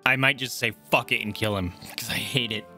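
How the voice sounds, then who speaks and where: A young man giving casual, excitable, sweary live commentary as he streams a game. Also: mid-range voice, brisk. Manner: excitable, profane. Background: game music.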